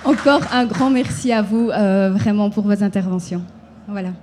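A woman's voice: medium pitch, normal speed, background noise. A woman moderating a panel and closing the discussion, hesitant with many fillers.

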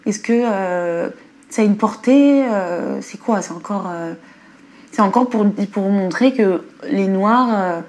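A woman speaking in an interview in an animated way, firing off questions. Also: mid-range voice, slow. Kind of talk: documentary interview.

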